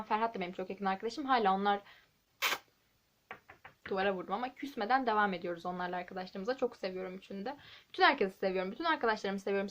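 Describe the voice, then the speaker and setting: Teen girl vlogger, rapid chatty storytelling, slightly high voice. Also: highs cut off. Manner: chatty, animated storytelling with asides. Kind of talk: casual chat to camera. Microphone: handheld camera.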